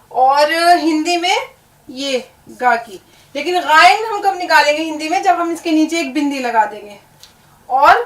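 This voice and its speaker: A woman with a high voice teaches a language lesson, spelling words out patiently and repeating them for the learner. She keeps checking in with a quick "right?" as she explains. The sound is roomy and echoing, picked up from a mic some distance away. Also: a bit bright. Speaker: Urdu teacher. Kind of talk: classroom lesson on letters and words.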